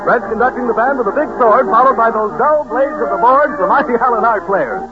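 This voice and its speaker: A man's voice: very high voice, a little fast. An American man announcing a 1930s radio variety show in a grandiose, emphatic showman's manner. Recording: dull 1930s radio recording with music.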